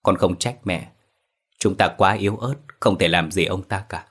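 A man voicing a meek, obedient teenage girl who speaks quietly and gently. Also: low-pitched, moderate pace, slightly rough.

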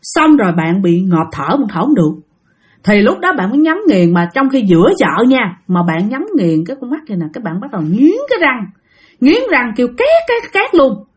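A woman's voice: mid-range voice, very animated, brisk, a little mellow. A woman narrating a ghost story in a chatty way, repeating words for effect.

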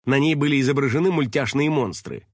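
A man reading a children's story aloud in an expressive, animated way. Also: mid-range voice, fast talker, no echo, clean studio sound. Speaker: narrator.

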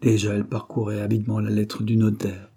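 Husky, dark-voiced male narrator. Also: on the low side, monotone, fairly quick. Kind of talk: audiobook narration of a classic novel.

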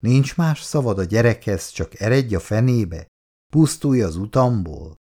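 A man's voice: on the low side, expressive, warm tone. A man reading a story aloud and voicing a weary, anxious mother who pleads with and reproaches her drunk husband. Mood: reproachful.

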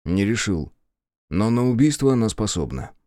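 A man voicing a calm investigator who answers curtly. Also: lowish voice, moderate pace, dry recording, clean studio sound. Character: calm, terse male investigator.

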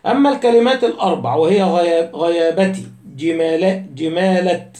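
A man teaching a lesson on Quranic spelling and recitation, listing words one by one and reciting the quoted verses slowly and deliberately. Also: high-pitched, warm tone, roomy sound.

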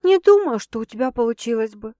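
A woman's voice: a little high, lively intonation, brisk, mellow, dry recording, studio quality, lightly acted. A woman voicing a flustered young woman who answers hesitantly and a bit defensively. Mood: unsettled. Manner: hesitant, sighing, a little defensive. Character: flustered young woman, wary but curious.

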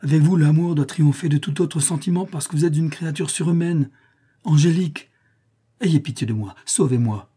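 A bitter fallen priest who turns cruel with a jealous menace, as a man reads him aloud. The voice is deep-toned and mellow, husky at the edges, delivered as a storybook reading. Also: normal speed, close to an everyday voice. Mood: pleading. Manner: cold, threatening, then pleading. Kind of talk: audiobook character reading.

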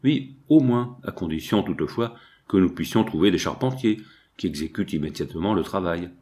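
A clumsy old sea captain, embarrassed but patiently explaining things. A man reads him in a low, plain voice. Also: lively intonation, brisk, dark tone. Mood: sheepish.

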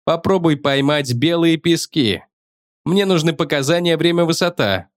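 A man voicing a rocket commander who gives clipped orders in a forced calm, as an audiobook character voice. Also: fairly high pitch, moderate pace, no echo, clean studio sound, natural voice. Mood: commanding.

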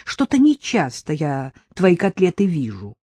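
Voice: medium pitch, huge pitch swings, measured pace, darkish tone, slightly rough, no room sound, studio quality, exaggerated voice. An audiobook reader voicing an irritated husband who scolds his wife sarcastically during a quarrel. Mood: sarcastic. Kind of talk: audiobook character voice.

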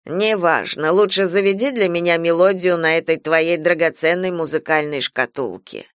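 A woman voicing a sharp-tongued, complaining stepmother in an audiobook. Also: on the low side, moderate pace, clear, resonant tone, dry recording, studio quality, natural voice. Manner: curt and complaining. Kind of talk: audiobook character voice.

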